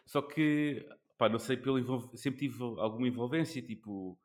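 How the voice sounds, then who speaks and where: A man in his forties with a European Portuguese accent, hosting a gaming podcast in casual chat, pausing often with fillers and restarts. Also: mid-range voice, a little mellow. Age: 40s. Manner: hesitant, many fillers and restarts. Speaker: podcast host.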